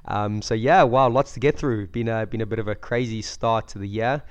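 A man croaky from a cold, chatting casually about sport as a podcast co-host. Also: fairly low pitch, steady tone, normal speed. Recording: dull lo-fi audio.

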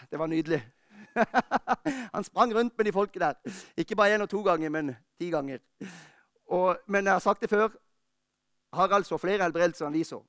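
A man preaching a fervent sermon, rising to urgent calls and then dropping to quiet, personal talk. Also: a little high, dry recording, studio quality. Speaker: pastor. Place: church.

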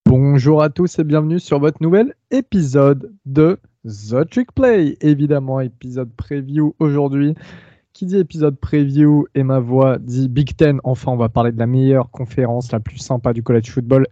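A man's voice: medium pitch, normal speed, dark tone, no room sound, highs cut off. A man hosting a casual podcast chat, talking with frequent fillers and restarts. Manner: hesitant, many fillers and restarts. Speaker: podcast host.

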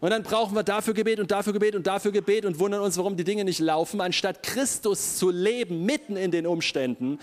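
Male preacher, high voice, lively, fervent sermon delivery with repeated phrases and direct appeals to the congregation. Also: quick pace, few pauses. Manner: animated, addresses the congregation directly with repetitions.

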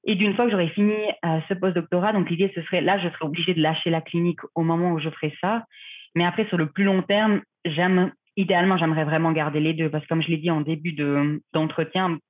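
A woman's voice: on the low side, steady tone, fast. A woman in her thirties from Switzerland, a researcher and clinician, answering podcast questions in a careful, explanatory way with many fillers, heard over a remote call. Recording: phone-like remote call audio.

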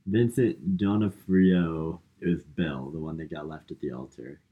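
A man's voice: very deep voice, steady tone, measured pace, narrow, tinny audio. A man co-hosting a casual podcast, jokey and swearing freely. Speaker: podcast co-host. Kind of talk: casual chat.

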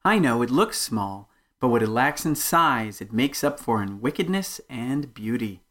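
A man's voice: mid-range voice, lively intonation, a little slow, a bit bright. A man playing a breezy, boastful male professor in a comedic audio sketch, talking casually and offhand. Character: male professor, breezy, bragging monster hunter. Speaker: show host in comic intro sketch.

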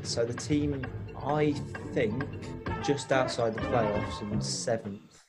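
A man chats as a podcast guest, self-deprecating and full of hedges. His voice sits at a middle pitch, with faint music underneath. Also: slow. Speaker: podcast guest, football club insider. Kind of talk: casual chat.

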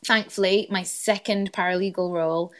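Yorkshire woman in her thirties, low-voiced guest, chatty and self-deprecating. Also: steady tone, moderate pace. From Yorkshire, England. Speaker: guest, employment lawyer. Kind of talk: casual interview chat.

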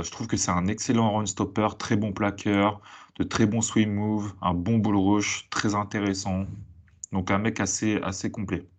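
A man giving casual scouting commentary as an analyst, halting and correcting himself, with English sports terms mixed in. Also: fairly low pitch.

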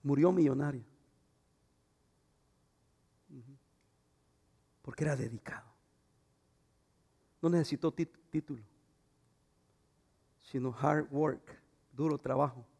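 A middle-aged man pastor preaching a sermon, swinging from loud fervent passages to quiet, intimate asides. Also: mid-range voice, vocal fry, husky.

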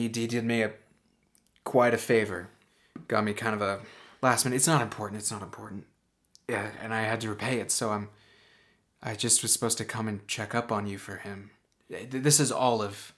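A man's voice: fairly low pitch, fairly bright tone, close to an everyday voice. A man voicing a retired older pilot who speaks politely and hesitantly, with many apologetic restarts. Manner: halting, apologetic, full of restarts.

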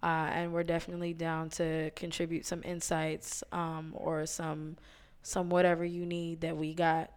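Brief: hoarse woman podcast co-host, raspy and blunt, low-ish smooth voice. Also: completely flat delivery, normal speed. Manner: blunt, profane, slangy. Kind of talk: casual chat.

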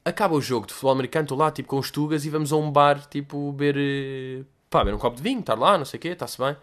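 A young adult man with a European Portuguese accent, telling stories as a podcast host in a slangy, animated way that gets louder when he is excited. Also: on the high side, rapid-fire. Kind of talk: casual storytelling monologue.

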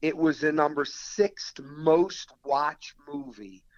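With no room sound and the highs cut off, a fairly high-pitched man speaks at a slow pace. He's an actor with a South Philadelphia accent, telling animated stories in a casual interview and voicing others' lines in dialogue.

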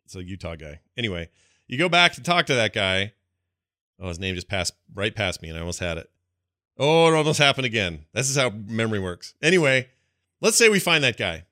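A middle-aged man co-hosting a podcast in casual chat, rambling and animated, slipping into little put-on voices as he tells a story. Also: lowish voice, a little fast, no echo, clean studio sound. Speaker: podcast co-host.

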